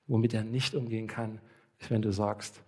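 A man's voice: on the low side, normal speed, slightly rough. A man preaching a sermon as pastor, telling a story vividly and speaking directly and earnestly to his listeners. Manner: lively storytelling, acting out dialogue.

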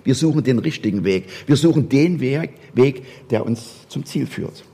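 A man's voice: medium pitch, lively intonation, normal speed, warm tone, breathy edge. A man preaching a sermon, emphatic and fond of repeating rhetorical questions. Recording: long hall reverb.

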